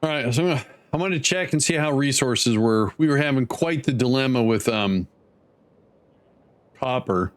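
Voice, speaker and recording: A man streaming a game, giving casual commentary, thinking aloud and rambling with many fillers and pauses. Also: mid-range voice, lively intonation.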